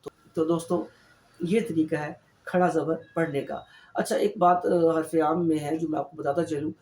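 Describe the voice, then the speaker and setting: A man teaching an online Quran reading lesson, with a voice pitched a little high for a man. He explains patiently and drills each syllable slowly, over and over. The room adds a noticeable echo. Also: fairly even intonation, darkish tone, a little hiss or hum. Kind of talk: online lesson, slow drilled letter sounds.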